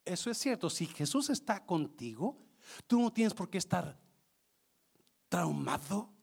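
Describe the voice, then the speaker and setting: Fervent high-voiced gravelly male preacher. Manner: fervent preaching that swings between shouting and hushed tones. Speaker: pastor. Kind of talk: sermon.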